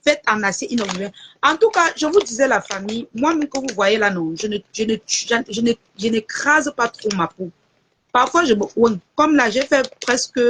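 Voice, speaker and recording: A woman's voice: medium pitch, a bit bright, slight background noise. A woman chatting casually on a live stream, answering viewer messages and quoting prices.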